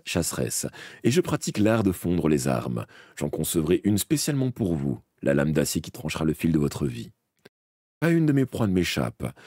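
A man reading a dark fantasy audiobook aloud in the first person, dramatic and expressive, with small slips he corrects as he goes. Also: low-pitched, husky, no echo, studio quality. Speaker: audiobook reader. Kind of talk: first-person audiobook narration read live.

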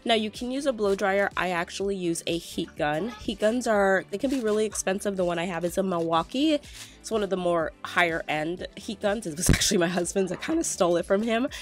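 With soft background music, a middle-aged woman speaks in a brisk, mid-range voice made congested by a cold. She's a couponing vlogger filming a tabletop close-up at home, chatting her way through a casual gift-basket tutorial, explaining step by step with fillers.

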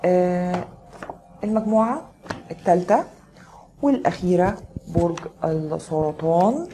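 A woman's voice: lowish voice, measured pace, mellow, a little hiss or hum. Chatty Egyptian woman reading tarot live. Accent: Egyptian Arabic. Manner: chatty, greets viewers by name. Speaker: tarot reader.

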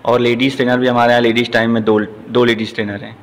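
A middle-aged man who owns a gym, answering a news reporter's questions in a plain, steady way and often saying "ji". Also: medium pitch, quick pace. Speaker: gym owner and trainer. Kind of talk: news interview. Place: large indoor gym. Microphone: handheld news mic. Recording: long hall reverb, faint noise.

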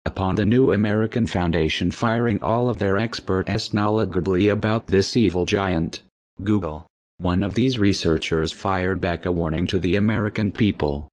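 A man with a disguised deep voice reading an anonymous message as scripted narration, grave and steady. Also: moderate pace, no echo.

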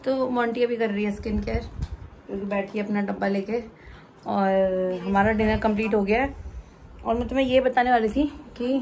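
A young woman vlogging at home, telling a lively story to her viewers in a casual chat. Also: mid-range voice, normal speed, slight background noise. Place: home, indoors.

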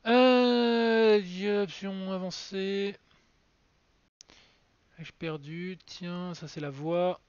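Rambling streamer man, smooth voice. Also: sits high, fairly even intonation, very slow, pauses often, no room sound. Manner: rambling, self-mocking, many fillers. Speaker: game streamer. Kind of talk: casual live-stream chat. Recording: dry, slightly dull lo-fi sound.

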